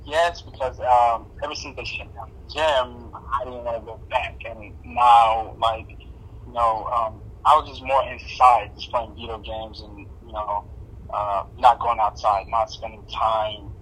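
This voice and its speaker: A man's voice: medium pitch, flat delivery, unhurried, a bit bright, slightly rough, rough recording. A young man from Somalia answering interview questions in a casual, hesitant way, with many fillers and restarts. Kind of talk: casual oral history interview.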